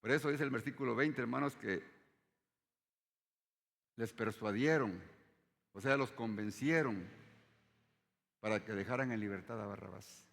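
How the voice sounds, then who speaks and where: A man preaching a sermon, often addressing the congregation as brothers and dropping his voice low at the end of phrases. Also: a little slow, vocal fry, long pauses, fairly bright tone. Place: church hall. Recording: long hall reverb.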